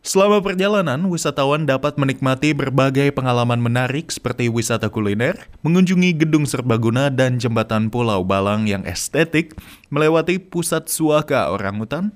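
A man presenting a radio news feature in a steady, formal reading voice. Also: mid-range voice. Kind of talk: read news report.

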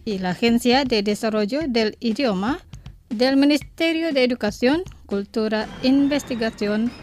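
A woman's voice: fairly high pitch, normal speed, a little mellow, a little hiss or hum. A woman presenting a radio language lesson, reading from a script and carefully saying each phrase twice so that listeners can repeat it.

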